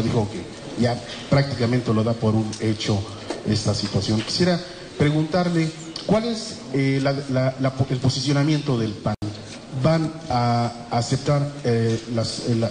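A male Mexican radio reporter with a mid-range voice and a Mexican Spanish accent asks a question at a press conference. He's halting, stumbling and restarting often, with many fillers. The echoey press room hall has background noise.

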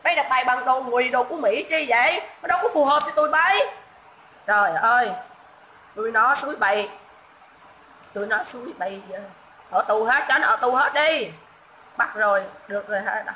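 Host: woman, high bright voice, scornful scolding rant, echoey room. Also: fast, slight background noise. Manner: mocking, scolding, insulting, repeats herself. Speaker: livestream host. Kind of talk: political rant livestream.

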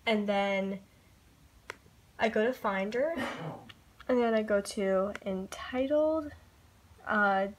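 A woman's voice: medium pitch, slow pace, pauses often, a little hiss or hum. A young woman YouTuber filming a casual tutorial vlog on her phone from her bed, talking in a chatty, rambling way full of "like" and "um". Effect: recorded on a phone. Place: sitting on her bed at home. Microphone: phone camera.

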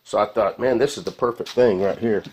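Man, low-pitched, folksy rambling talk, casual garage review, phone camera. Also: fairly quick, darkish tone, a little hiss or hum. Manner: rambling, folksy, many fillers and restarts. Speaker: home mechanic reviewing a tool. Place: garage with concrete floor.

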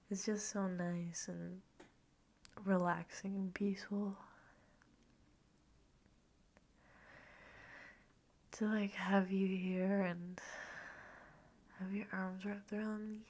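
Woman playing a sleepy just-woke-up girlfriend, creaky ASMR role-play. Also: medium pitch, little pitch movement, slight background noise. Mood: drowsy, content. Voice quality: breathy half-soft voice with creaky fry. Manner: sleepy, just-woke-up morning voice, slow and murmuring. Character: sleepy, cuddly, playful girlfriend lingering in bed.

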